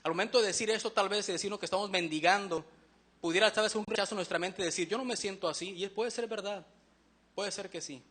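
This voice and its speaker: Preacher guy, high bright voice, earnest, asks the church lots of questions. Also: steady tone. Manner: earnest, questioning the congregation, slows down to read verses. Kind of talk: sermon.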